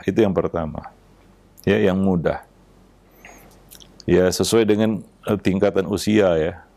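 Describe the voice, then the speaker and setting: Low gravelly Indonesian preacher. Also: male voice, darkish tone, dry recording. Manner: unhurried, measured, frequent filler "ya" between phrases. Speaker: Islamic preacher. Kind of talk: religious lecture on parenting.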